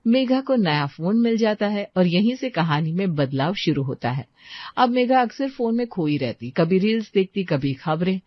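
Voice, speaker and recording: A woman narrating a scripted cartoon story in a calm storytelling manner. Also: mid-range voice, normal speed, dry recording. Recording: dry, slightly dull lo-fi sound.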